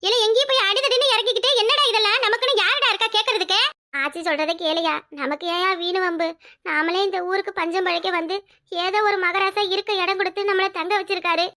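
A woman's voice: very high-pitched, fairly even intonation, fast talker, bright, forceful tone, full character voice. A woman voicing a worried, tearful older village mother and sister in a cartoon, pleading and scolding. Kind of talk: cartoon voice acting.

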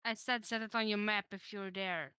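A woman's voice: medium pitch, steady tone, normal speed, bright, forceful tone, clear, resonant tone, no echo. A young woman with a Dutch accent, complaining in frustration while playing an online game. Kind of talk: casual gaming chat.

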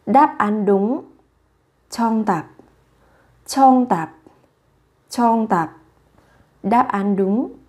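Slow, careful woman drilling vocabulary. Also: fairly high pitch, a little mellow. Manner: repeats each word three times, careful articulation. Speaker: language teacher.

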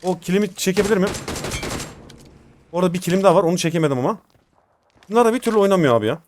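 Young man, high-pitched voice, slangy gaming commentary, informal, faint noise and game gunfire behind. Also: racing, darkish tone. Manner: informal, slangy, addresses viewers as friends. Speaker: gaming video host. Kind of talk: live gameplay commentary.

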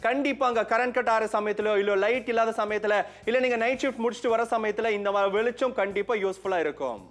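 Man, Tamil accent, teleshopping presenter, very high voice, rhetorical questions. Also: fast. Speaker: TV shopping presenter. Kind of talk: teleshopping sales pitch.

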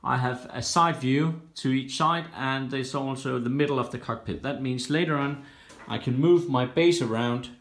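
A man casually walking through his home cockpit build, explaining each step plainly with frequent "uh" pauses, filmed on a handheld phone. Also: mid-range voice. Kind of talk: casual build-log walkthrough. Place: indoors in a home workshop room. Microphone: handheld phone camera. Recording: roomy echo in a bare room.

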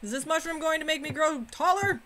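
High, bright young woman gamer. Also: brisk, slight background noise. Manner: goofy and sarcastic, mock-old-fashioned quips. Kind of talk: let's-play commentary.

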